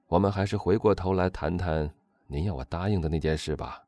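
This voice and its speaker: A sensible young gentleman speaks in a calm, measured way, voiced by the man reading the story. The tone is mellow and the sound dry. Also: sits low, no echo, close to an everyday voice.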